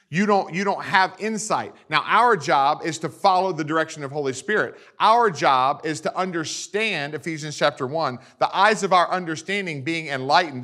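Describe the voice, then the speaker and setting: Animated preaching man, higher voice. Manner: preachy, animated, asks the congregation for agreement. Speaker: pastor. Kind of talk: sermon.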